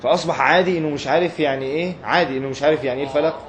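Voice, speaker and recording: A man with an Egyptian accent giving an animated religious lecture and acting out short dialogues. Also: a little high, rapid-fire, music in the background. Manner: animated, acts out little dialogues. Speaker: preacher.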